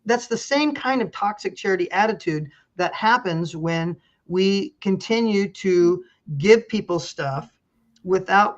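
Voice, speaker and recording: A middle-aged man who is both a pastor and a county official talks earnestly as an interview guest, telling stories and frequently restarting his sentences. His voice is high-pitched with a fairly bright tone, and the audio sounds dull.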